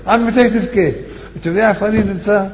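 A man's voice: high voice, darkish tone, voice pushed up, natural voice. A man voicing a radiant, joyful departed rabbi. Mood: joyful, urging. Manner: exclaiming, urging his brother to stop weeping. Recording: echoey hall, faint background noise.

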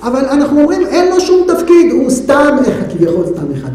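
A man's voice: very high-pitched, huge pitch swings, dark tone, heavy reverb, low-quality recording. A man teaching a Bible class, building drama by firing off rhetorical questions to his listeners. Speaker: Torah teacher.

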